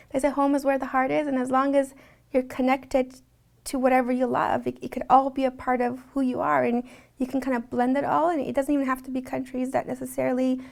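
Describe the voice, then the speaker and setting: A woman's voice: sits high, creaky, a little mellow. A woman speaking earnestly in a reflective documentary interview, talking conversationally with frequent restarts.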